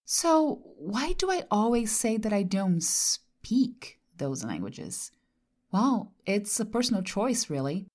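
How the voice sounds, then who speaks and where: A Brazilian woman who hosts a podcast delivers a measured, reflective monologue about her own life; Portuguese is her native language. Her voice is medium-pitched, sing-song and a little mellow.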